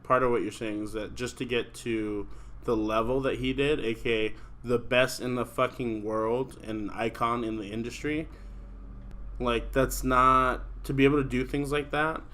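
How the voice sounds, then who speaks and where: A man's voice: mid-range voice, fairly even intonation, normal speed, pushed and bright. A young man hosting a podcast, rambling casually and swearing often, with lots of fillers like "like". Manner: rambling, profane, heavy use of "like". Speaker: podcast host. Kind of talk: casual chat.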